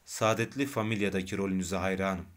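A man voicing a calm, indulgent foreign doctor who speaks gently and patiently. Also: deep voice, a little fast, close to an everyday voice.

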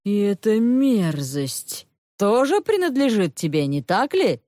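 A woman's voice: fairly low pitch, animated, slow, a little mellow, no echo, clean studio sound. A woman voicing a harsh, furious male palace official who roars and threatens in a storybook reading. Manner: roaring, menacing.

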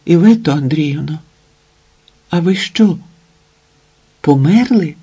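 A man's voice: animated, slow, mellow, husky, full character voice. A man doing a wailing, tearful old nanny. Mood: bewildered. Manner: high-pitched wailing cries. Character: elderly nanny woman, tearful and excitable.

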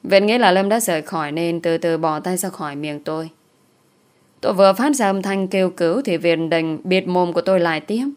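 Woman narrating a dramatic story, slightly low voice. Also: fairly quick, a little mellow, clean tone. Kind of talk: first-person audio story narration.

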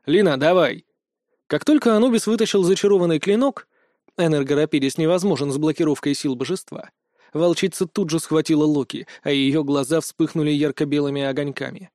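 A man's voice: a little high, fairly quick, darkish tone, dry recording. A man narrating an audiobook in a cold, matter-of-fact manner. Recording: dry close studio sound.

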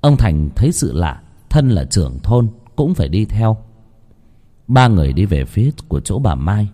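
A man narrating a horror story in an expressive, dramatic reading. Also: lowish voice, normal speed.

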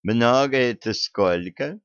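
A man's voice: mid-range voice, slow pace, a bit bright, smooth, dry recording. A man voicing a panicky old male treasurer who wails and pleads. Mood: anxious. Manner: wailing, pleading. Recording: dull lo-fi dry recording.

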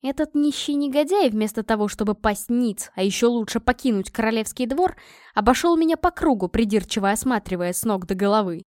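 A woman narrating a first-person audiobook in an expressive, sardonic manner. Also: fairly high pitch, a little fast, no echo, clean studio sound.

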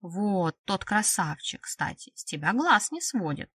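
A woman's voice: medium pitch, very animated, moderate pace, no echo, studio quality. A woman voicing a sly, teasing girlfriend. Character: young woman friend, mocking and teasing.

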